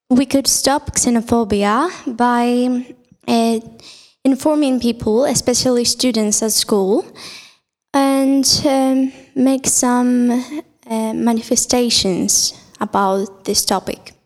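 A woman's voice: fairly high pitch, slow pace, a little mellow. A woman from Greece, explaining her answers carefully. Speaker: podcast guest. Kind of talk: casual discussion answers. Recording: reverberant room.

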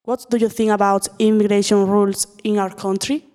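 A woman hosts, putting short, direct questions to her guests in a mid-pitched voice. The recording has a long reverberant ring. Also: flat delivery, fairly quick, darkish tone. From Spain. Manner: brief, question-led. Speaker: podcast host, interviewer. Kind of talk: reading interview questions. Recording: reverberant room.

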